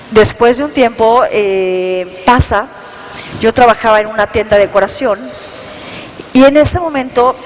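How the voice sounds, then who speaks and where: Woman giving a testimony in a hall. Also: on the high side. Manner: earnest storytelling, reliving events, quoting herself and others. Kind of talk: personal testimony to an audience. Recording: long reverb in a hall, faint noise.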